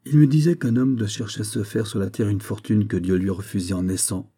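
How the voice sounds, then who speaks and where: Man, low voice, very dark and mellow tone, measured audiobook narration. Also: fairly even intonation, slightly rough. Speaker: audiobook reader.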